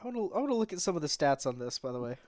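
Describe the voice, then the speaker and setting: Lively, wry man on a dry call. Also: on the high side, racing, dry recording. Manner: joking, wry. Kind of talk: casual group chat on a voice call.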